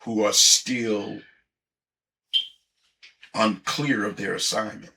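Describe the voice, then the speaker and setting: Low gravelly bishop, bright. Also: male voice, steady tone, slow, recorded from a distance. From East Baltimore. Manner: emphatic, preacherly, street-blunt. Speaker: bishop, guest. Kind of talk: casual conversation on a livestream.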